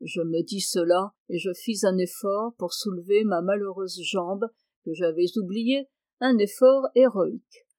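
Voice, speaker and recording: A woman narrating a classic novel as an audiobook, in a measured, expressive reading. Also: mid-range voice, dry recording. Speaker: audiobook reader.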